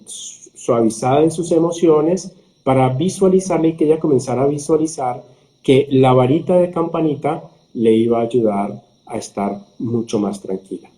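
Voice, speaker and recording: A middle-aged man, a surgeon, calmly explaining in a conversational interview, slowing down for emphasis. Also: medium pitch. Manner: calm, explanatory, slows down for emphasis. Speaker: surgeon and podcast guest.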